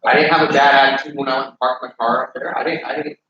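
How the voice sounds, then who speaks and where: A man's voice: medium pitch, fairly even intonation, fast, background noise. A man arguing casually, defensive and agitated, swearing often. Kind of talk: casual argument. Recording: echoey room, far from mic, dull.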